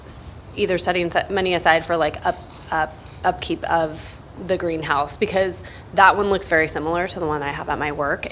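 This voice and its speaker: A woman on a school board asking a question about upkeep, halting and hesitant. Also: on the low side, a bit bright, a little hiss or hum. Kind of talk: asking questions at a public meeting.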